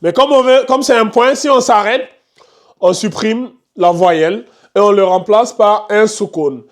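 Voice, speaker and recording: A man with a high-pitched voice leads a tajwid class in a classroom. He explains each rule with patient repetition and quizzes his students as he goes. He firmly tells chatty pupils to be quiet. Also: unhurried. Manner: firm, scolds chatty students and asks the class questions. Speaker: Quran recitation teacher.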